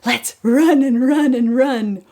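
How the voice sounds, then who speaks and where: Woman doing high, drawn-out little talking pumpkins. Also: mellow, exaggerated voice. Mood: eager. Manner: drawn-out sing-song kindergarten teacher delivery. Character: little talking pumpkins with exaggerated childlike personalities.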